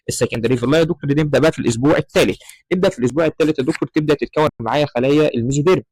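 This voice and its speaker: Rapid-fire Egyptian medical lecturer. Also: male voice, medium pitch, darkish tone, dry recording, low-quality recording. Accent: Egyptian Arabic. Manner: keeps addressing listener as doctor, mixes English terms into Egyptian Arabic. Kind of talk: explaining embryology slides to students.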